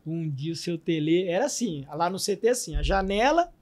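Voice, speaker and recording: A middle-aged Brazilian man, a former footballer, telling stories in a casual interview and acting out his old coach's shouts. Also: high voice, moderate pace. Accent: Brazilian Portuguese. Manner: animated storyteller, acts out his coach's shouts.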